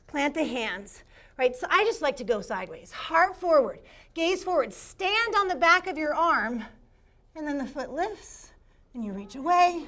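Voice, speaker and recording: A woman's voice: high voice, fairly bright tone. A woman teaching a live yoga class, upbeat and encouraging, calling out students by name as she cues the poses.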